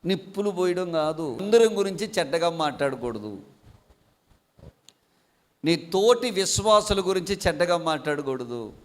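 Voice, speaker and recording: A middle-aged man preaching a sermon, asking the congregation questions and answering them himself, and reading scripture slowly. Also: fairly high pitch, lively intonation. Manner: slow measured scripture reading. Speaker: pastor.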